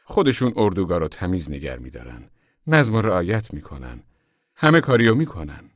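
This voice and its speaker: Brief: male reader playing a cheerful, chatty little camp boss, low voice, dry sound. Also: sing-song, no echo. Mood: friendly. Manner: warm, friendly, chatty. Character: small, friendly, chatty camp manager. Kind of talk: audiobook character voice.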